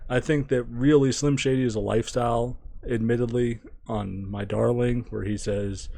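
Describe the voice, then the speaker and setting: A man giving a casual spoken album review, thinking aloud, restarting phrases and trailing off quietly. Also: mid-range voice, fairly even intonation, normal speed, creaky. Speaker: music reviewer.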